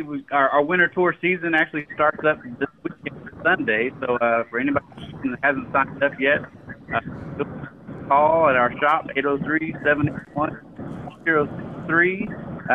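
A man phones in over a clipped phone line that keeps breaking up. His voice sits a little high and sounds tinny, with heavy noise underneath. He chats in an easy, friendly way and pitches his program like a golf teaching pro. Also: fairly even intonation, moderate pace. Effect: clipped phone line with bad connection. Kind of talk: casual radio call-in chat.

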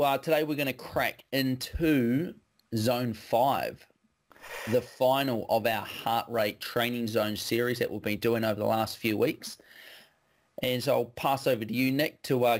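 A man hosting a casual podcast, easygoing and friendly, his voice slightly hoarse from a cold. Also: mid-range voice, fairly even intonation, a little slow. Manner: easygoing, friendly, restarts often. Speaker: podcast host and performance coach.

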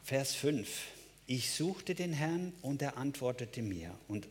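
A man's voice: mid-range voice, expressive, slow, slight background noise. A male pastor preaching a sermon, emphatic, with repeated phrases and direct address to listeners.

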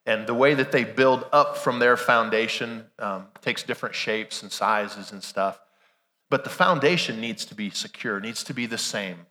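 A male pastor delivers a conversational Sunday sermon with a bright, forceful edge on a voice weakened and strained by illness. He leans on rhetorical questions, and his mid-pitched words ring through a long church reverb. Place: large church room during a service. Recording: reverberant hall sound.

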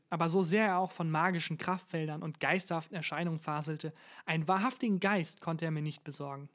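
A narrator reading a satirical first-person story in a dry, deadpan way. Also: mid-range voice.

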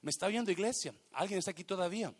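A man's voice: high-pitched, racing. A male preacher delivering an emphatic sermon, often asking if the congregation is listening.

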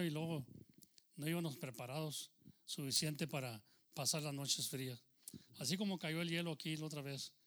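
Pastor telling his story, higher-pitched man. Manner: conversational, addressing listeners as brother. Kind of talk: testimony sermon.

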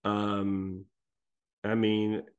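A man's voice: fairly low pitch, monotone, drawn-out words, muffled recording. A man hosting a casual interview, chatty and self-deprecating, often stumbling as he starts a question. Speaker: podcast host interviewer.

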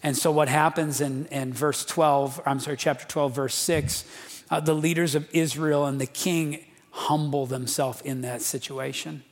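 A man's voice: fairly high pitch, steady tone, unhurried. A man preaching a sermon as a pastor, casual and fervent, with slangy asides. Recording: long reverb of a large hall.

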